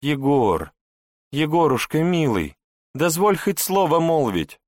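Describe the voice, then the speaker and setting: A man's voice: sing-song, measured pace, fairly bright tone, no echo, clean studio sound. A man reading an audiobook, voicing a jealous young grand princess who pleads and scolds. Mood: urgent. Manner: pleading, then fiery and shrill.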